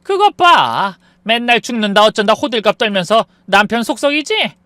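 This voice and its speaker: A woman's voice: on the high side, very animated, normal speed, sharp tone, no echo. A woman voicing a domineering older mother-in-law who talks with scorn and scolds. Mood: scornful. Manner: scolding, contemptuous.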